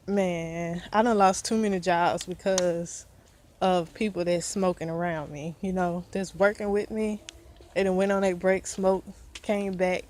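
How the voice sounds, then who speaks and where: Slow-talking Southern-accented woman vlogger outdoors. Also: mid-range voice, a little mellow. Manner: earnest, encouraging, rambling with fillers. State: out of breath. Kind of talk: casual vlog talk.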